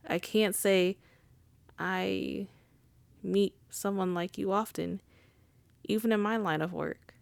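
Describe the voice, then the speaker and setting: A woman's voice: mid-range voice, steady tone, slow pace, gravelly, pauses often, dry recording. A woman playing a wry, charming female mafia boss in an intimate ASMR roleplay, conversational and teasing. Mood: amused, flirty. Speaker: audio roleplay voice actor.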